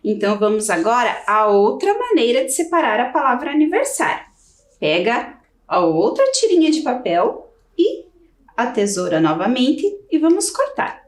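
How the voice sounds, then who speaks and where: A woman's voice: fairly high pitch, sing-song, moderate pace. A Brazilian woman teaching a children's video lesson, giving patient step-by-step instructions. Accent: Brazilian Portuguese. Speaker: primary school teacher. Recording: roomy, from off the mic.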